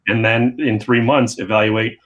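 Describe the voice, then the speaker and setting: A man speaks as a guest in a casual panel discussion over a video call. His voice sits fairly low, and he talks earnestly, with a self-aware edge. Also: fairly even intonation, normal speed, fairly bright tone, rough recording.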